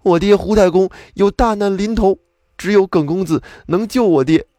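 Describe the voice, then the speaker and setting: A man's voice: a little fast, warm tone, dry recording, close to an everyday voice. A man doing a pleading young fox-spirit man. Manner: begging, high strained voice.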